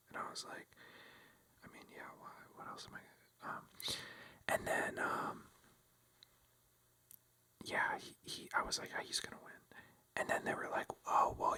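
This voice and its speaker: A young man tells a story in a soft, close ASMR whisper, rambling and poking fun at himself with lots of fillers.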